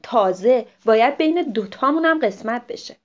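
A woman voicing a greedy, complaining grown man on a long walk, whining and at times shouting, on a muffled recording. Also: fairly high pitch, animated, natural voice. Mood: grumbling. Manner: whiny and grumbling, sometimes shouting.

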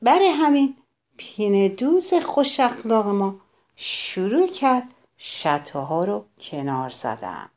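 Female storyteller for children: animated, slow, melodic, addresses young listeners. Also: medium pitch. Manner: sing-song, slow, addresses the children directly.

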